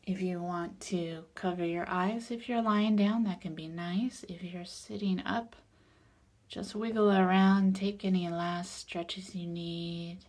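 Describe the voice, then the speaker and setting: This is a calm, slow guided meditation led by a woman whose soft voice sits on the low side. Phrase endings fade into breath.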